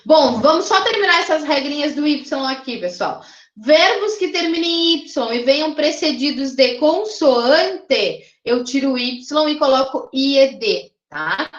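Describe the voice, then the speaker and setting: A woman's voice: sits high, animated, unhurried, roomy sound, muffled recording. A woman teaching an English grammar class in Portuguese, with a Brazilian Portuguese accent, explaining patiently and checking in often with her students. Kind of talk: online class lecture.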